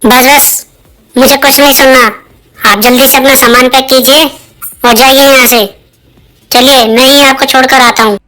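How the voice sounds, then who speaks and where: A woman's voice: medium pitch, steady tone, unhurried, soft background music, pitched below the performer's own voice, close to an everyday voice. A woman voicing a hot-headed young husband in a cartoon moral story, scolding and indignant. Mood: angry. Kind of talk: cartoon voice acting.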